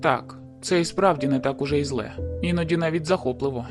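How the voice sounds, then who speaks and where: A blunt, guarded young werewolf, voiced by a man in an audiobook, reluctant and matter-of-fact. His voice sits fairly high for a man. Clear music plays under the reading. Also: a little fast, lightly acted. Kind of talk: audiobook character voice.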